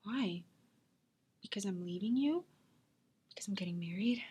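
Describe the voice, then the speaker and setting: A woman acting a self-taped drama scene as a wistful, defensive woman nearing thirty, speaking earnestly with emotional pauses. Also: medium pitch, animated, dark tone, breathy edge.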